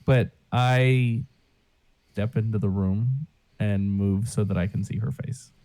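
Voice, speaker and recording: A man's voice: on the low side, slow pace, mellow. A man playing in a tabletop role-playing game, talking casually and hesitantly with many restarts. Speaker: player.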